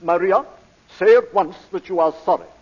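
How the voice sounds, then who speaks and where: Flustered, very high-pitched English lord. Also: male voice, normal speed, darkish tone, slightly rough. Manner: hesitant, stuttering, fussy. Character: flustered, stammering English lord, indecisive and easily rattled. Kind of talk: 1940s radio drama acting. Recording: echoey, dull old radio recording.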